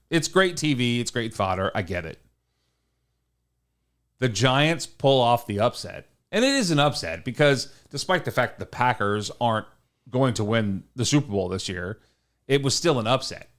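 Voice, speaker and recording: Podcast co-host, male, mid-pitched, talkative and rambling, teasing banter. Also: a bit bright. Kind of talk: casual sports chat.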